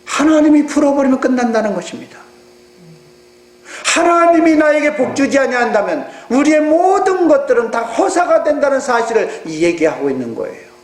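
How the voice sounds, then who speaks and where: A male pastor with a Jeolla accent, preaching a sermon in an animated way and putting rhetorical questions to his congregation. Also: extremely high pitch, normal speed. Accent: Jeolla Korean. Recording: echoey room with mains hum.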